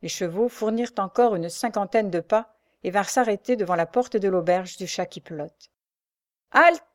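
A woman reading a novel aloud in calm, measured narration. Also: medium pitch, dry recording, clean studio sound. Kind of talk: scripted audiobook narration of a novel.

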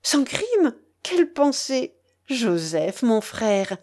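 A woman's voice: high-pitched, lively intonation, takes it slowly, darkish tone, pitched above the performer's own voice, heavily acted. A woman voicing a young heroine, tender and emotional, speaking in a raised, pleading way.

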